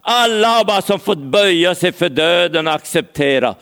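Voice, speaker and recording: A man's voice: high voice, expressive, vocal fry, fairly bright tone, smooth. A man preaching an earnest sermon, speaking directly to listeners by name.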